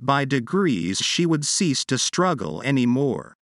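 A man reading a literary short story aloud as a measured narrator, slowing on key phrases. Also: medium pitch, sing-song, a bit bright, no room sound, studio quality. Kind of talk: scripted audiobook narration.

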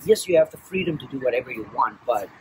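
A man in his forties from South Africa speaks earnestly in a street interview, full of fillers and restarts. His medium-pitched voice has lively intonation and a quick pace. The rough audio, recorded outdoors on a clip-on mic, carries faint traffic noise.

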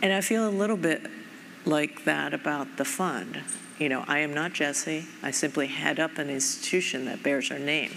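Her voice sits low and a bit bright, with vocal fry: a middle-aged Japanese woman, president of a foundation, speaking onstage at a large conference. She is thoughtful and measured with many fillers, recorded in a reverberant hall with faint noise.

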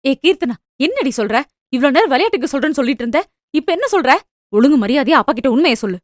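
A woman's voice: a little high, expressive, brisk, dry recording, studio quality, natural voice. A woman voicing an anxious middle-aged mother who scolds her daughters in flustered bursts. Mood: scolding.

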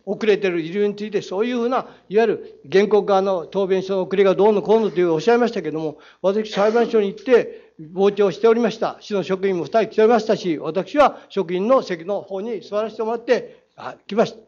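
Combative high-voiced council member, lo-fi. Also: male voice, a little fast, hardly any pauses, darkish tone. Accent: Saga. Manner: combative, reads quotes aloud, rhetorical challenges. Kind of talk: council floor questioning. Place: city council chamber. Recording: dull lo-fi council chamber audio.

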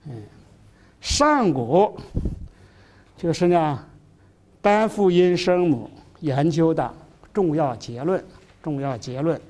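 With long pauses and a slow, expressive delivery, a middle-aged university lecturer speaks at medium pitch, a little mellow. The classroom talk leans heavily on fillers, repeated key phrases and drawn-out terms for emphasis.

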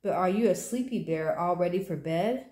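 A woman voicing a calm, gentle father bear who speaks slowly and soothingly in a storybook reading. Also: on the low side, lightly acted. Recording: roomy echo.

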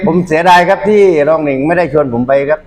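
A man's voice: a little high, quick pace. A man who is a local council member answering questions politely and deferentially. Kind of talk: casual interview.

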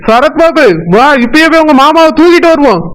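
Guy doing a hothead cartoon village brother, tirunelveli tamil, boasting, super high voice. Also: fairly quick, fairly bright tone, poor audio. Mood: angry. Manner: boastful, threatening. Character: hot-headed village brother, fiercely protective. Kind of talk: cartoon voice acting.

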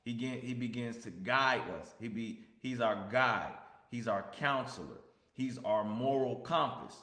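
A man's voice: mid-range voice, measured pace, bright, forceful tone. Man teaching scripture in an echoey room. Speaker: religious commentator, host. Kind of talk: reaction commentary, teaching scripture. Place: small indoor room with bookshelf. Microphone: close boom-arm studio microphone. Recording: roomy echo.

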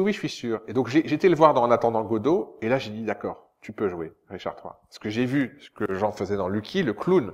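A man, a stage director and translator, giving a public lecture in a lively, expressive way. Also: on the low side, muffled recording. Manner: animated, expressive speaker who sometimes sounds out rhythms. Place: lecture hall.

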